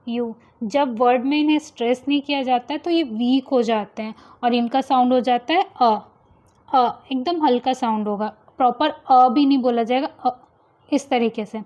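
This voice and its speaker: A young woman gives a phonics lesson in a high voice. She says each example word slowly and repeats it, setting the wrong pronunciation against the right one. The recording sounds a little dull and lo-fi. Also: darkish tone. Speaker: English pronunciation teacher.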